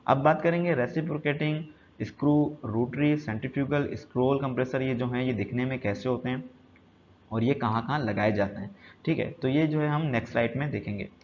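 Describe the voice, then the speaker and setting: A man's voice: mid-range voice, a little fast, darkish tone. Male instructor, plain mid voice, explanatory slide lesson, faint hiss. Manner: repetitive, explanatory, mixes English terms into Hindi. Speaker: HVAC instructor. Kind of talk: slide-based technical lesson. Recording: dull lo-fi sound with faint noise.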